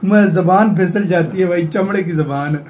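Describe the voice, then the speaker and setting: A man from Pakistan co-hosts a reaction video in a relaxed, chatty way. His voice sits high and he bursts into quick exclamations. A faint hiss runs under the recording. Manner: excitable, exclaims often. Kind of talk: casual reaction chat.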